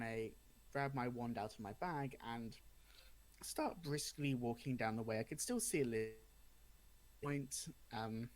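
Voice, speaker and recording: A young adult man casually telling a spooky personal story, acting out the dialogue as he goes. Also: medium pitch. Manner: animated retelling with acted-out dialogue.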